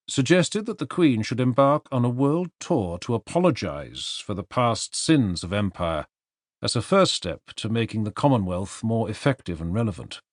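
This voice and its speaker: A man narrates a serious non-fiction audiobook in a fairly low voice. He is articulate and emphatic, with a lively melody, and the studio recording is very close and dry.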